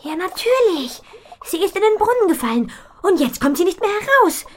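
A woman voicing an excitable, anxious young girl in a children's story, high and loud. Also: moderate pace, a little hiss or hum. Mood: distressed.

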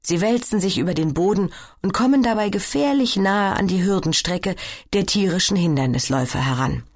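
A woman narrating a children's audiobook in a lively, expressive way. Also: medium pitch, fairly quick.

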